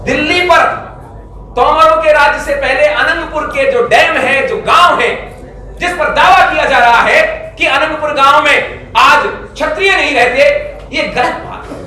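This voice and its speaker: Middle-aged man, press conference speaker, emphatic lecturing delivery, bright high voice, echoey room heard from a distance. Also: unhurried, slight background noise. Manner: emphatic, lecturing, lists names and dates. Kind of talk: formal public address.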